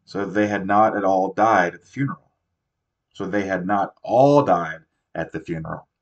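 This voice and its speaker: A man's voice: low-pitched, moderate pace. A man narrating a novel aloud, often stumbling and correcting himself as he reads. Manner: reads with frequent slips and self-corrections. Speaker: audiobook reader. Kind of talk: amateur audiobook narration. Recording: dull lo-fi recording.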